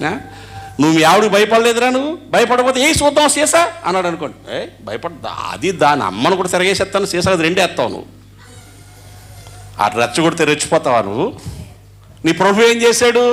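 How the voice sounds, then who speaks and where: A male pastor with a Telugu accent, preaching a Sunday sermon in call-and-response style, swinging from loud to hushed. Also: fairly high pitch. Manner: call-and-response preaching, asks the congregation to answer; sings hymn lines slowly mid-sermon.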